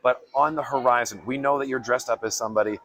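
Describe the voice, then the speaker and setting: Fast-talking, enthusiastic convention interviewer. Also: medium pitch, fairly even intonation, poor audio. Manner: enthusiastic, effusive, rambling with repeated words. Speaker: interviewer, YouTube host. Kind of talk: casual on-site convention interview. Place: busy fan convention.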